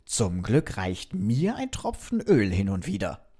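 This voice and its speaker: A man's voice: fairly low pitch, unhurried, husky, heavily acted. A man voicing a friendly, curious robot from another planet, telling a children's story and asking the kids questions. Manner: lively, talks directly to the kids with questions.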